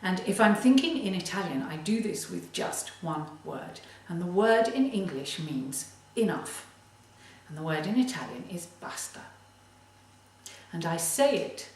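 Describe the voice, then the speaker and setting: A woman giving a motivational tip as a creativity coach, speaking in a deliberate, emphatic way. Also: lowish voice. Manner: slow, deliberate, emphatic delivery. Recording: very echoey room, distant mic.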